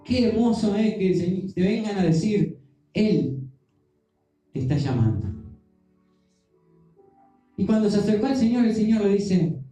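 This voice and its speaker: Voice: medium pitch, a little fast, mellow. A preacher, telling a Bible story in a sermon and acting out the voices of its people. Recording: very echoey room with music behind.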